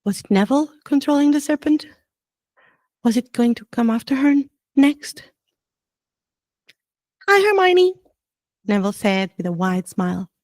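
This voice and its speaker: A woman narrating a storybook aloud at a steady, even pace with some dramatic lifts. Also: fairly high pitch, moderate pace, dry recording. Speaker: audiobook reader.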